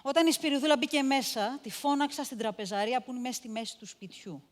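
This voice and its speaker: Actress playing a cruel, contemptuous house mistress. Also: female voice, high-pitched, in a large hall, lightly acted. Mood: cold. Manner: cold and contemptuous, erupts into shouting. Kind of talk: stage monologue.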